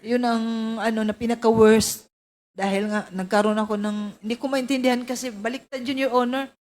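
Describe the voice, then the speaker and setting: A woman's voice: a little high, steady tone, darkish tone. Hesitant woman testifying at a hearing. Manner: hesitant, halting, polite with many fillers. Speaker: witness at a hearing. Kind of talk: formal testimony.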